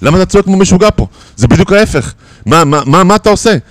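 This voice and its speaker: A woman's voice: lowish voice, lively intonation, dry recording, pitched above the performer's own voice, lightly acted. Man voicing an exasperated scolding wife. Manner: rapid, incredulous questions.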